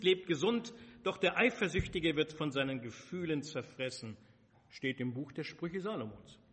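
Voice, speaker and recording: A man's voice: high-pitched, fairly bright tone. A man preaching a sermon, retelling a Bible story in the first person with emphatic rhetorical questions. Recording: reverberant hall.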